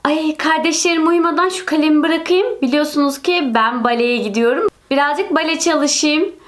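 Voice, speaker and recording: A woman's voice: high voice, moderate pace, close to an everyday voice. A woman voicing a cheerful, bossy big-sister girl who loves ballet. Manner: chatty, self-satisfied. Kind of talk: toy role-play voicing.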